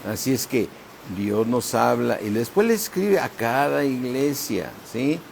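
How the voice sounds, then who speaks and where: A man's voice: mid-range voice, very animated, vocal fry, a little hiss or hum. A man preaching a sermon as pastor, emphatic and often asking "¿sí?" of the congregation. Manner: slow, emphatic preaching with frequent "¿sí?" checks.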